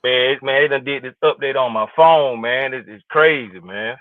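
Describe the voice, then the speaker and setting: A man's voice: medium pitch, moderate pace, no room sound. A man hosting a casual podcast, rambling loosely and saying "man" often, heard through a phone. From South Carolina. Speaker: podcast host. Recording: tinny phone-like line.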